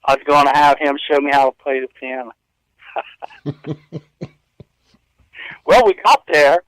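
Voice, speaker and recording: A man in his fifties, a radio interview guest in a hotel room, tells stories in an earnest, rambling way, chuckling often. His voice is fairly high, a little slow, and fairly bright and clean, with no echo, though the recording quality is low.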